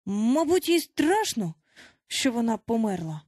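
A woman's voice: dry recording, studio quality, natural voice. A woman voicing a boastful, commanding boy who leads a band of lost children, in an audiobook. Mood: bewildered. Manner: high, bright and excitable, quick to anger. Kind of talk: audiobook character voice.

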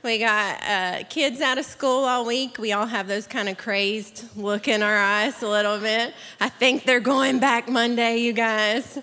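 A woman's voice: fairly high pitch, steady tone, measured pace, few pauses, bright, forceful tone. A woman making upbeat, chatty announcements to a church crowd, talking to them directly. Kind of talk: casual stage announcements. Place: large church auditorium. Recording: long reverb of big church hall.

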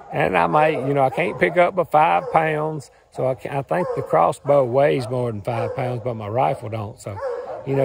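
Standing in the woods beside a truck, a hoarse, medium-pitched man in his thirties with a Southern US accent rambles cheerfully and folksily to a phone camera held at arm's length. He hosts a farm and hunting channel, and this is casual vlog talk straight to camera.

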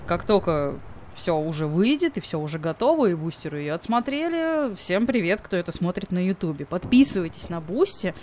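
A woman's voice: on the low side, very animated, a little fast, darkish tone, slight background noise. A woman giving casual let's play commentary with informal, rambling asides. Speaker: game streamer.

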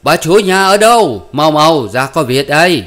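A man voicing a flustered male doctor who calls out loudly and hurriedly in a story reading. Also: medium pitch, lightly acted. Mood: urgent. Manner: loud and hurried. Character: flustered male doctor bringing bad news.

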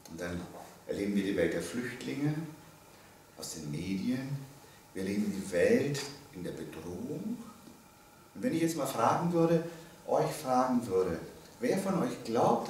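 In an indoor seminar room, a lecturer in his early seventies, a professor of theology, delivers a public talk with emphatic, deliberate phrasing, weighty pauses, and questions aimed at his listeners. His voice is mid-range. The microphone on a stand picks him up distantly, with heavy echo and faint noise.

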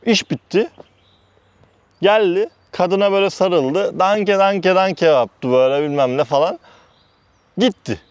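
A man from Turkey telling a heated story about his workplace, blunt and animated, repeating "I said" between quoted lines. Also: a little high, unhurried, pauses often, no room sound. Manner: heated, animated retelling with constant "dedim" between quoted phrases; blunt, uses mild swearing. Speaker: vlogger recounting work experiences. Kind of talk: casual storytelling.

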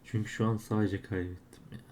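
A man's voice: lowish voice, flat delivery, brisk, darkish tone, a little hiss or hum. A man narrating his case openings as he plays, grumbling and exclaiming whenever he loses. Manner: frustrated, exclaiming at losses. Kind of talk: live commentary while opening cases.

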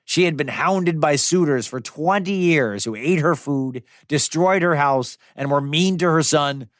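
A slightly bright, higher-leaning male voice at a measured pace narrates a scripted children's myth with dramatic, conversational flair. The speaker is a storyteller and podcast host; the dry studio recording has no echo and music plays behind.

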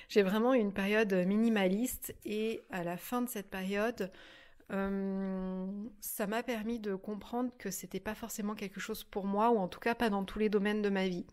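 A woman's voice: mid-range voice, steady tone, a little slow, a little mellow. Hesitant woman chatting about books. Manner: hesitant, many fillers and restarts. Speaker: vlogger reviewing books. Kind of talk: casual chat. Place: at home by her desk.

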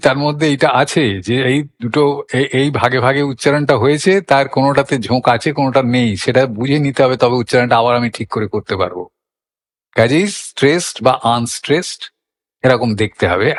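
Older male recitation teacher, patient explainer, middle pitch, long hall reverb. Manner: patient, explanatory, asks and answers his own questions. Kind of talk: recitation lesson.

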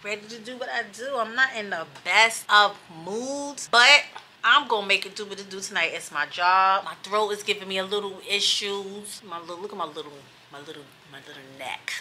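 A woman's voice: mid-range voice, normal speed, a little hiss or hum. Chatty middle-aged New woman. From New York. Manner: chatty, rambling, animated asides. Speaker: vlogger. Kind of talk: casual vlog chat. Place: hotel room.

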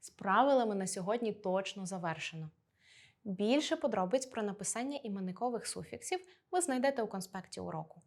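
A woman teacher from Ukraine giving a scripted online lesson, explaining in a playful, lively way with dramatic pauses. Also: mid-range voice.

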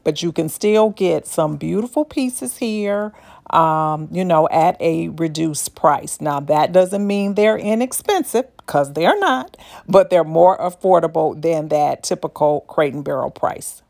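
An older woman with a low voice and a gravelly edge talks her way through a furniture outlet. Her narration is casual and homespun, full of folksy asides, as if shared with a friend. It is picked up on a handheld phone while she walks. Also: a little slow, a little mellow. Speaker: shopping vlogger.

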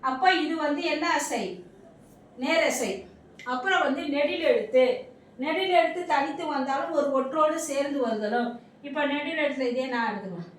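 A woman's voice: high voice, normal speed. A woman teaching grammar in a classroom lesson, asking the class questions and answering them herself, over and over. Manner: repetitive, quizzing questions then answering them. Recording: echoey room, mic far off.

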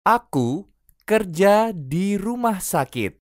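A language teacher reads short phrases slowly and carefully, repeating each one three times. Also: mid-range voice, very animated, no room sound, clean studio sound. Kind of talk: reading phrase drills.

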